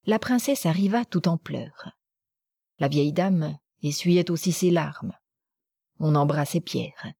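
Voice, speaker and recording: A woman's voice: low-pitched, slow pace, creaky, mellow, husky, no room sound, clean studio sound. A woman narrating a novel as an audiobook, reading evenly and steadily.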